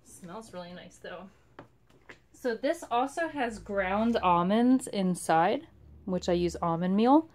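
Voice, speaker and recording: A woman's voice: medium pitch, animated, takes it slowly, a little mellow. A woman chatting casually and unhurriedly as she demonstrates soap making, rambling and letting phrases trail off. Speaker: soap maker, video host. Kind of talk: casual chit-chat over a soap-cutting demonstration. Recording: clearly noisy home recording.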